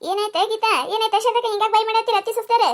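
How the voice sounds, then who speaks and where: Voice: very high-pitched, little pitch movement, racing. A performer voicing a meddling village neighbor woman in a cartoon, with a North Karnataka Kannada accent. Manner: meddling, questioning. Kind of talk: cartoon comedy voice acting.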